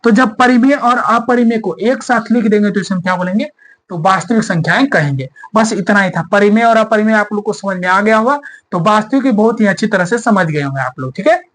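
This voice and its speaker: A man's voice: high-pitched, expressive, brisk, a bit bright. A male maths teacher explaining a lesson step by step, asking the class rhetorical questions and repeating key points. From India.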